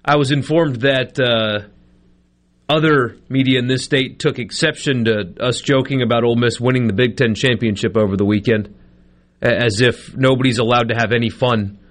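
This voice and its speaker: A man's voice: medium pitch, fairly even intonation, moderate pace. American man hosting sports talk radio. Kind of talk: live sports talk radio with casual banter.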